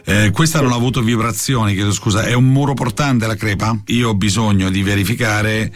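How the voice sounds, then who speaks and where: A man's voice: lowish voice, steady tone, brisk. A man making a prank phone call, posing as a technician, polite and apologetic, full of mock-technical jargon.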